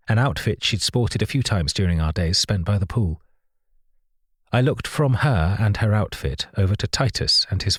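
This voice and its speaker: Husky low-voiced male audiobook narrator. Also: no room sound, studio quality. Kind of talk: first-person thriller narration.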